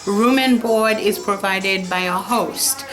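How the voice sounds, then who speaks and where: A woman's voice: medium pitch, takes it slowly, rough recording. An older woman from Haiti, an artist and volunteer, chatting in an interview and often restarting her phrases. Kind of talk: casual interview. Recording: music playing behind.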